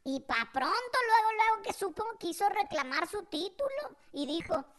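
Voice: very high-pitched, big pitch swings, normal speed. A podcast host with a Mexican accent telling a comic story in a chatty way, often asking ¿verdad?.

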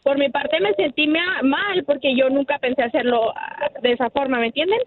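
A woman calling in to a radio show, speaking haltingly with many restarts. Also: sits high. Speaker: caller. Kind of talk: phone call on a radio show. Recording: tinny phone line.

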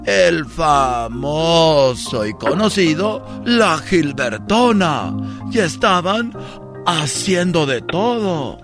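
A man's voice: on the high side, expressive, drawn-out words, music in the background. A man narrating a comic skit with dramatic "ay, ay, ay" cries.

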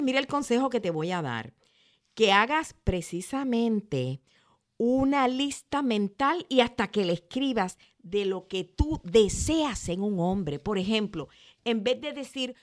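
A woman hosting a motivational podcast, talking in a lively way and acting out quoted lines. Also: medium pitch, measured pace. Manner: lively, laughs often, acts out quotes. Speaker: podcast host.

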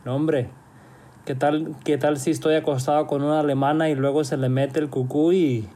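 A man's voice: on the high side, little pitch movement, moderate pace, mellow. A man calling in to a show, telling a joking story in slangy talk. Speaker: caller. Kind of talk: casual storytelling.

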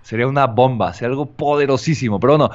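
A man's voice: mid-range voice, rapid-fire. A man, an earnest podcast host who talks with many fillers and tag questions. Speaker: podcast host interviewing a guest. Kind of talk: conversational podcast interview. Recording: slightly muffled lo-fi audio.

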